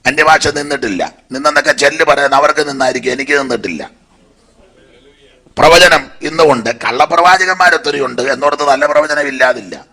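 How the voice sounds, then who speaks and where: A man pastor with a Malayali accent delivers a sermon in a church hall, rattling off lists and turning to the congregation with asides. His voice is bright and forceful, with a husky edge from a blocked throat. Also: a little high, brisk.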